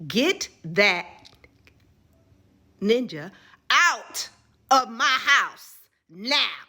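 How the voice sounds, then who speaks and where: A woman's voice: deep voice, moderate pace, pushed and bright, husky, full character voice. Woman putting on a stern commanding grandmother. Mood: furious. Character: stern protective old grandmother, suspicious.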